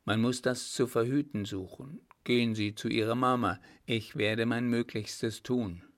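A man voicing a calm, commanding young German officer, firm and confident. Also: medium pitch, unhurried, lightly acted. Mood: urgent. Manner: firm, confident, somewhat louder delivery.

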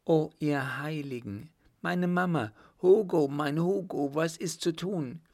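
A man's voice: a little high, slow pace, a little mellow, pitched above the performer's own voice. A man reading an audiobook, voicing a frightened young noblewoman who pleads anxiously in a raised voice. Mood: anxious pleading.

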